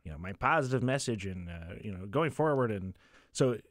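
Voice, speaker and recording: A man speaks as a guest political reporter with a slightly low voice. He talks casually and fills his analysis with easy laughs and filler words. The recording is dry and close to the mic. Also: animated, fairly quick, no echo.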